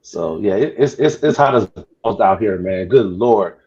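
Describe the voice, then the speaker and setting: A man's voice: fairly low pitch, animated, unhurried, a little mellow. Stammering male podcast host, muffled sound. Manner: stammering, repeats words often. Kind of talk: casual podcast chat. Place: on a cruise ship.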